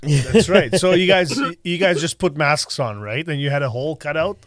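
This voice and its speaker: A man's voice: on the high side, moderate pace, slight background noise. A man co-hosting a podcast, chatting crudely and teasing his guests, laughing often. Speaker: podcast co-host. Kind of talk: crude casual chat.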